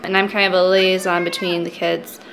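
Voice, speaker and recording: An American woman in her twenties, a charity coordinator, explaining her work in a relaxed way with frequent ums. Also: fairly low pitch, moderate pace, a little hiss or hum, low-quality recording. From United States. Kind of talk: casual explanatory talk.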